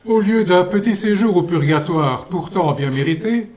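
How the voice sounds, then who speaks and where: A man voicing a gentle, fatherly male saint who speaks in a calm, pious, measured way in a puppet radio play. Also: sits high. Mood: benevolent.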